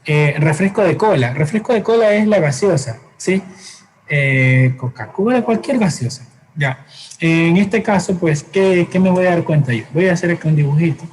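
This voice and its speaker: A man teaching a science class, explaining patiently with everyday examples, often pausing to hesitate and correct himself. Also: a little high, lively intonation, darkish tone, a little hiss or hum, rough recording. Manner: frequent hesitations and self-corrections. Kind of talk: classroom lecture.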